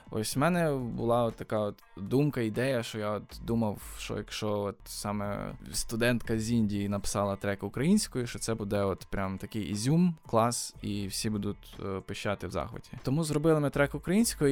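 A man's voice: fairly low pitch, expressive, fairly quick, darkish tone, soft background music. A man, a rapper and songwriter, answering interview questions in casual chat, thoughtful and hesitant with many fillers and restarts. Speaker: podcast guest, rapper and songwriter.

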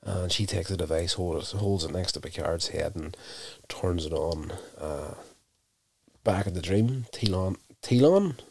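A man casually recapping a TV episode, telling it in an unhurried, self-correcting way. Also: deep voice, expressive, vocal fry, darkish tone, slight background noise.

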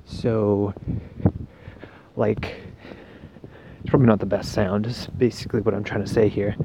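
Low-voiced man rambling over heavy street noise. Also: flat delivery, unhurried. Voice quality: slightly muffled, swollen-cheeked speech after wisdom teeth removal. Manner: hesitant, meandering, laid-back. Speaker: solo podcast host. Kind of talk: casual rambling walk-and-talk monologue. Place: outdoors walking on a residential street. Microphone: handheld phone. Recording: noisy outdoor phone recording, wind, passing cars.

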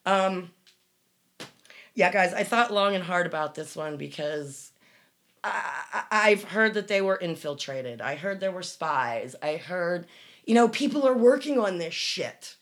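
A woman's voice: lowish voice, lively intonation, a little slow. A woman hosting a casual true crime podcast, talking in an emphatic, rambling way. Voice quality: smoker's cough. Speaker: true crime show host.

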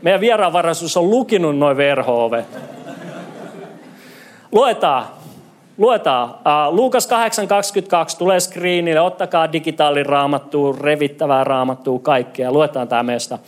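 A man preaching a lively sermon, reading scripture aloud and retelling it with jokes and asides. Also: a little high. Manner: animated, joking, mixes in English.

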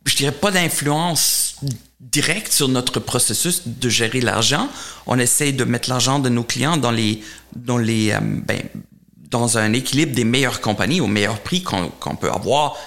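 A middle-aged man from Germany speaking French as a second language with a German accent, answering interview questions in a halting way, often repeating words. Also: medium pitch, fairly bright tone. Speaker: portfolio manager, interview guest.

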